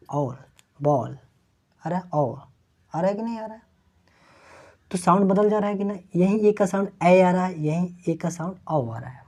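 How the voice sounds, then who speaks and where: A woman teaching in a slow, unhurried way, pausing on each point and quizzing her class before she repeats every answer. Her voice is low and mellow, with a slightly husky edge. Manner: keeps asking questions back to students and repeating answers. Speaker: English teacher. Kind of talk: classroom lesson explaining letter sounds.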